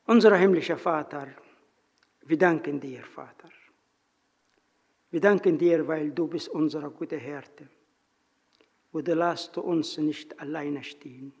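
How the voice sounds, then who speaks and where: Speaking slowly in a high, husky voice, a man with a non-native German accent works through a sermon, a personal story and a prayer with earnest, halting phrasing. He is a lay preacher. His words ring through a reverberant church hall, captured in dull, lo-fi sound.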